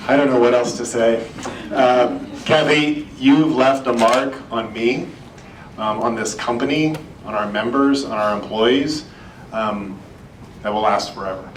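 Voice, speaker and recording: A man's voice: medium pitch, measured pace. A man acting as emcee at a retirement party, introducing speakers and giving his own sincere thanks. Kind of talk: speech to a crowd. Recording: echoey room from far off, clear noise.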